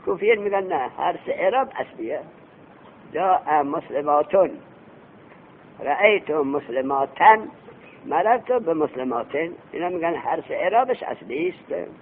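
Guy teaching grammar, quizzes the class and answers himself, kinda high voice, sounds like an old phone recording. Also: animated, gravelly. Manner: drilling students with questions he answers himself; chants Arabic text slowly, then explains it. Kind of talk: classroom lecture explaining grammar. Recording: tinny phone-like recording with faint hiss.

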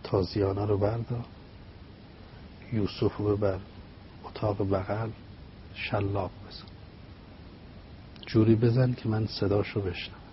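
A man's voice: little pitch movement, long pauses, close to an everyday voice. A man voicing an imperious noblewoman who gives curt orders in a story. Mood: commanding. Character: commanding noblewoman, imperious mistress. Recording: slightly dull with faint rumble.

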